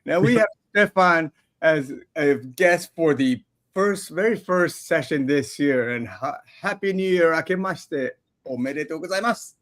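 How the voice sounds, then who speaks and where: A man's voice: a little high, lively intonation, normal speed, fairly bright tone. Playful, teasing male podcast host. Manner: playful, teasing, laughs a lot. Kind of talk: casual video-podcast hosting.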